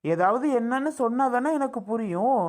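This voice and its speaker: A woman's voice: on the high side, animated, normal speed, darkish tone, natural voice. A woman playing a worried older brother who keeps pleading for answers in a family skit. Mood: insistent. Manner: pleading, insistent questioning.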